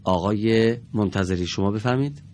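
In a studio, a man gives a televised classroom lesson, patient and encouraging with the pupils as he slowly, deliberately stretches out each example word. His voice is fairly low and warm, with slight background noise.

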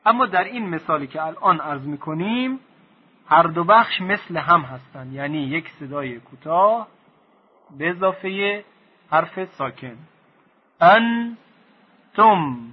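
A man teaching Quranic reading, drawing out each syllable slowly for the listener to repeat. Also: a little high, breathy edge, highs cut off. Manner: slow, drawn-out syllables for repetition. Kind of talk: Quran recitation lesson.

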